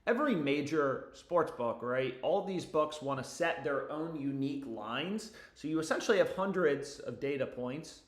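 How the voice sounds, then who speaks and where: A man's voice: fairly high pitch, animated, moderate pace, hardly any pauses. A young man chatting casually as a livestream host, with sweary frat-bro slang. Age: young adult. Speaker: livestream host giving betting picks. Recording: roomy, echoey indoor sound.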